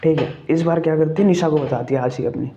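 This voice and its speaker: A man's voice: on the high side, fast, dark tone, highs cut off, a little hiss or hum. A man casually retelling a ghost story, chatty, checking in with the listener and asking questions as he goes.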